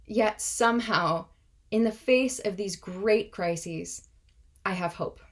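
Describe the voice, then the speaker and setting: Delivering a prepared speech, this native Russian-speaking woman in her twenties has a mid-range voice. She sounds earnest and impassioned while keeping a measured pace.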